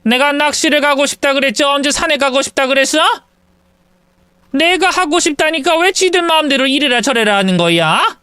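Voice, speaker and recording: A man's voice: sing-song, a little slow, pushed and bright, smooth, dry recording, studio quality, exaggerated voice. A man voicing a bitter, domineering older mother-in-law who scolds and wails in self-pity. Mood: scolding. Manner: shrill, self-pitying wailing.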